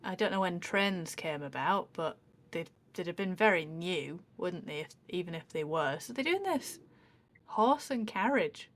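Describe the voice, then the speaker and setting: A woman's voice: fairly low pitch, animated, a little slow. A woman co-hosting a casual podcast, chatty and joking, a little tipsy from day drinking. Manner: chatty, swearing, joking, with fillers. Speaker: podcast co-host. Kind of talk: casual chat.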